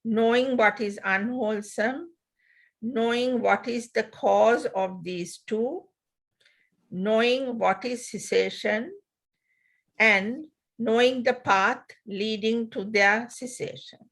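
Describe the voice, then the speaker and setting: Woman reading dhamma text slow and careful, a bit high voice. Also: fairly bright tone, poor audio. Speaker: Dhamma reader.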